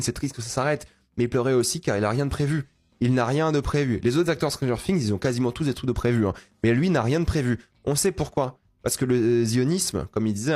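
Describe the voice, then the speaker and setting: A man's voice: medium pitch, darkish tone. A man giving blunt, matter-of-fact commentary to camera. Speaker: entertainment news commentator.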